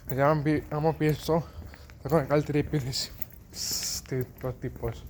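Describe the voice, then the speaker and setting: A man's voice: a little high, fairly even intonation, a little mellow. A man vlogging on a cold early morning outdoors, frustrated and swearing, keeping his voice down so he does not wake the neighbours. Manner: frustrated, swearing, muttering to himself; keeps his voice down. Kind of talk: casual vlog monologue. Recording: noisy outdoor ambience with dogs and traffic.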